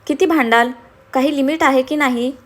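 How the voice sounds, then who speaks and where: A woman's voice: high-pitched, moderate pace, natural voice. A woman voicing an exasperated, protective young man in a storybook reading. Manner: scolding, impatient.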